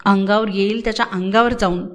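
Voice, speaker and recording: Female audiobook narrator, dramatic novel reading, steady and expressive. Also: mid-range voice, a little fast.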